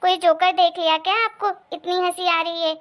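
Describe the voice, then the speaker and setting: Cartoon sister-in-law, bossy, sharp-tongued, high voice, a woman acting her. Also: little pitch movement, fairly quick. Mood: mocking. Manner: sharp, scolding. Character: bossy, quick-tempered married sister-in-law.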